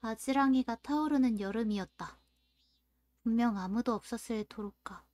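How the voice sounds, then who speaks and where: A woman streaming a story game, reading its narration aloud in a steady storytelling voice. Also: fairly high pitch, moderate pace, dry recording. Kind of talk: let's-play reading game text aloud.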